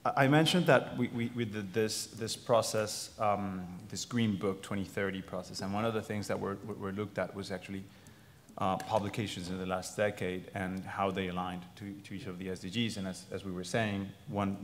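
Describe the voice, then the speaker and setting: A man's voice: low-pitched, fairly even intonation, moderate pace, a little hiss or hum. A man answering audience questions on a panel, often repeating words as he searches for his phrasing. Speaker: panelist, political scientist. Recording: long hall reverb.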